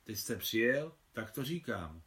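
A man reading aloud and voicing a bold, cool-headed young Russian countess in an audiobook, in a lively, playful way. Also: mid-range voice.

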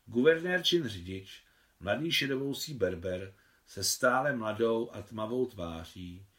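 A man calmly narrating a novel in a measured audiobook reading, as the translator of the text. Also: fairly low pitch.

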